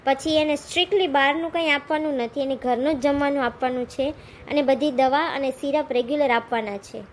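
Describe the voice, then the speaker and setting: A woman playing a brisk doctor who gives instructions in a comedy skit. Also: sits high, fairly even intonation, a little hiss or hum, close to an everyday voice. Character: brisk, advising village doctor.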